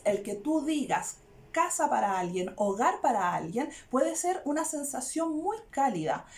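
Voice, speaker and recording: A woman, a therapist explaining an idea to her viewers in casual talk that is often broken up by "¿ya?". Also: high voice. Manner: frequent "¿ya?" check-ins, animated and searching for words. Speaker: therapist and video host.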